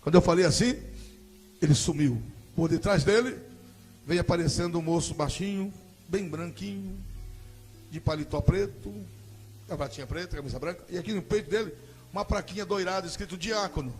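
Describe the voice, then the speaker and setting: A man with a Brazilian Portuguese accent, an evangelist giving a dramatic testimony sermon with vivid storytelling that swells into loud preaching. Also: high-pitched, a little fast, pauses often.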